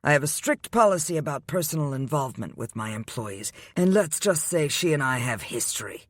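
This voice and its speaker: A man voicing a wealthy male hotel boss who speaks calmly and coolly and turns curt when annoyed. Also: a little high, normal speed, breathy edge, dry recording, studio quality, voice pushed up.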